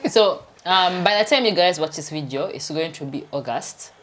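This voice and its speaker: A Ugandan woman in her thirties, a doctor who also vlogs, chats casually in a rambling home vlog, laughing often. Her Ugandan-accented voice is low-pitched and expressive, with a fairly bright tone, and she speaks at a normal speed.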